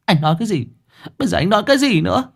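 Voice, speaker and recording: A man doing a shrill, furious young woman. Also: sing-song, very fast, creaky, slightly rough, exaggerated voice. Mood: exasperated. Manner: shrill, screaming and scolding.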